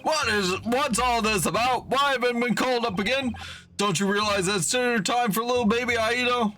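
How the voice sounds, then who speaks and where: A man voicing a fussy, doting parent who complains in a shrill, raised voice. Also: a little fast, sharp tone, soft background music. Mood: impatient.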